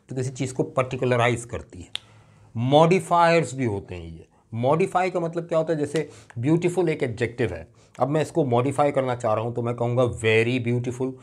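A middle-aged man, teaching English grammar in a classroom lecture. He asks questions and answers them himself, and reads out example phrases slowly. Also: medium pitch. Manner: explains patiently, asks and answers his own questions; often adds a checking "right?" aside. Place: classroom with a board.

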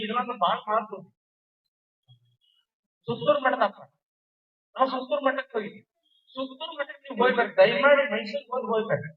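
A man tells devotional stories to a seated crowd and drives his points home through repetition. His voice sits very high for a man. It comes from far off the mic through a thin, phone-like sound. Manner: storytelling, with repeated emphatic phrases. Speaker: religious speaker. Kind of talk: devotional discourse to a seated gathering. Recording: distant, tinny phone-like sound.

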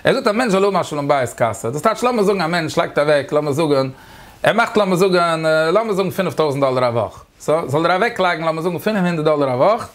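A man's voice: fairly high pitch, lively intonation, fast talker. A man, a rabbi, giving a Talmud lecture, explaining step by step, repeating phrases and asking rhetorical questions, with English words mixed in.

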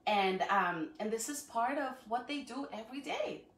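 Reading to her students from her living room at home, a female school educator speaks encouragingly, posing questions to the children. Her higher voice is fairly bright, with lively intonation and a moderate pace. Because the phone or camera sits a few feet away, the audio is distant and echoey.

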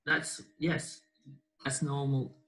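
A man leads a live online dance lesson at home, walking students through each step with encouragement and some hesitation between instructions. His mid-range voice is level and sharp, with vocal fry, and he takes it slowly. The laptop or webcam mic sits across the living room, giving a roomy, distant sound.

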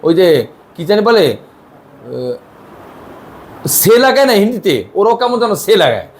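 A male language teacher with a Bangladeshi Bengali accent leads a class. His voice sits high and swoops up and down as he drills pronunciation, says words slowly and again, and checks whether his students follow. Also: very animated, slight background noise. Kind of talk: classroom lesson.

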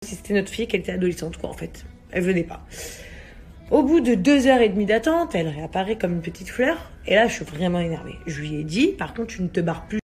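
A young woman, a mother and vlog host, casually telling a story to camera with many hesitations and animated quoted dialogue. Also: on the low side, fast.

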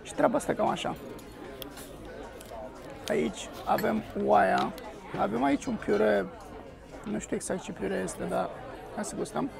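This young food vlogger sits at an outdoor restaurant terrace with his camera on the table, exclaiming enthusiastically as he samples the food. His high-pitched voice is animated and gravelly, broken up by long pauses. Chatter from other diners fills the background.

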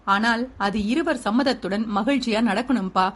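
Female narrator doing a kind sister-in-law peacemaker, soft and pleading, noticeably high. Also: normal speed, lightly acted. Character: gentle older sister-in-law, soft mediator.

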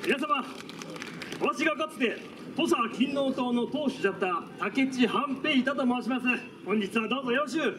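A man's voice: very high-pitched, moderate pace, far from the mic. A man with a Kochi accent playing a genial samurai leader and teacher, chatting to a crowd at a live event. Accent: Kochi Japanese. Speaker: costumed tourism-troupe performer. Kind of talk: chatty stage event patter. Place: open-air city plaza stage. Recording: outdoor event with street noise.

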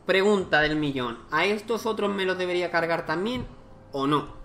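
A man's voice: high voice, animated, normal speed, a bit bright, slight background noise. Chatty man narrating his strategy game. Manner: chatty, thinking aloud, exclaiming. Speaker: gaming YouTuber. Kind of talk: casual let's-play commentary.

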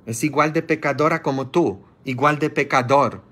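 A man preaching as a priest, scolding his listeners with fervor and breaking into sudden high-pitched outbursts. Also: moderate pace, a bit bright. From grew up as a child of immigrants. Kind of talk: sermon. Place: church, streamed live.

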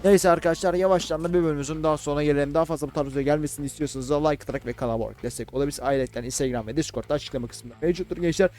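A young man casually commentating a let's-play, chatty and slangy, shouting and yelping when fights get heated. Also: a little high, very fast, few pauses. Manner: excitable, shouts and yelps during fights. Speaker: gaming YouTuber. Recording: game music and gunfire behind.

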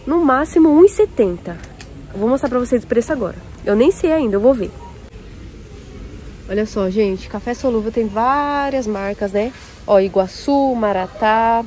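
With a fairly high but darkish voice, lively intonation and a moderate pace, a young vlogger and café owner chats her way through a large warehouse supermarket, comparing prices for viewers. It's a casual shopping vlog shot on a phone at arm's length, full of noisy store ambience.

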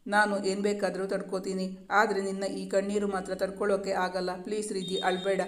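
A storyteller voicing a gentle, doting young male doctor who coaxes and soothes, in a flat, even tone. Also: high voice, moderate pace, lightly acted. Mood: coaxing. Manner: soothing, coaxing.

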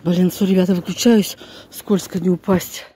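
Talking to viewers as she walks, an older woman with a Northern Russian accent chats and complains colloquially in a lowish, steady voice at a normal speed. Her casual vlog covers snowy residential streets outdoors, with quick stops in a stairwell and on a bus. The handheld phone picks up plenty of street noise.

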